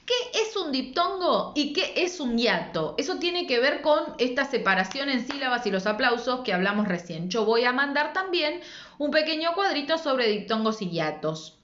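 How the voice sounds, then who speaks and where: With a high, very animated, somewhat bright voice and a moderate pace, a female secondary school language teacher with an Argentine Spanish accent patiently lays out spelling rules. She checks in through rhetorical questions, and the recording has an echoey room and dull lo-fi quality.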